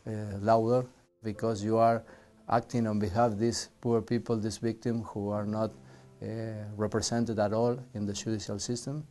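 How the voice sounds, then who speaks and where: A man from Argentina, a native Spanish speaker with an Argentine accent, speaking earnestly in an interview as a federal prosecutor, halting with restarts. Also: on the low side, level tone, a little mellow.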